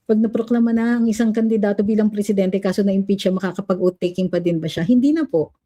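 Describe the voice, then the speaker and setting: In a home room with a fan, a woman with a Filipino accent chats on a casual livestream, reading out viewer comments and moving between Filipino and English. She speaks quickly in a mellow, medium-pitched voice with fairly even intonation, pausing to coo at her dog.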